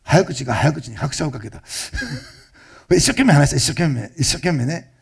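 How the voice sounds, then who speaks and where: A male pastor giving a fast-paced, conversational sermon that often turns to ask the listeners questions. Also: on the high side, expressive, gravelly, husky. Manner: fast-talking, admits rushing. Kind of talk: sermon testimony.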